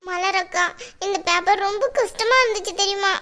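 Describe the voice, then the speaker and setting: A whiny scared little sister. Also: female voice, very high-pitched, fairly even intonation, brisk, sharp tone. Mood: pleading. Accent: Tamil. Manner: whiny, pleading. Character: scared pleading younger sister, schoolgirl. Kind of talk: cartoon voice acting.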